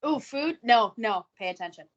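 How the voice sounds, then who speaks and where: A woman's voice: a little high, expressive, moderate pace, lo-fi sound. A woman chatting casually as a player in a tabletop game, with informal, hesitant phrasing.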